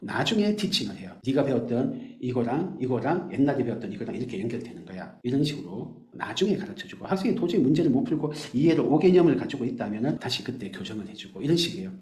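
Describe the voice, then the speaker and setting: A man teacher explaining his math classes to parents, animated, acting out quick scenes of teachers and students. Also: mid-range voice, roomy sound.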